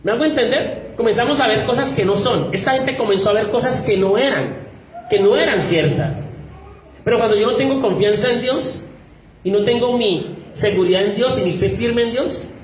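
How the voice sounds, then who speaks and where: A man with a high-pitched voice preaches a sermon, firmly exhorting his listeners and pausing on questions for them to finish. His voice rings through a very reverberant church hall, picked up from some distance away with a faint hiss beneath it. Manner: asks the congregation fill-in-the-blank questions; direct and exhorting, addresses listeners as "usted". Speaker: pastor. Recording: very echoey hall, mic far off, faint noise.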